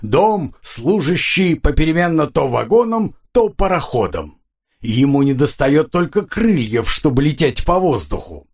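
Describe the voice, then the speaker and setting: Jovial, excitable older captain, as an audiobook narrator puts him on; husky, lively. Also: male voice, a little high, a little slow, exaggerated voice. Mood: delighted. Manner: exclaiming, enthusiastic.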